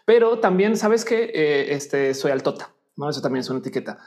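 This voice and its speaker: A woman's voice: sits low, brisk. A woman from Colombia with a Colombian accent, a guest chatting casually and acting out the voices she quotes. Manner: animated, acts out quoted voices, laughs often. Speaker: guest, youtuber and teacher. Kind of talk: casual chat.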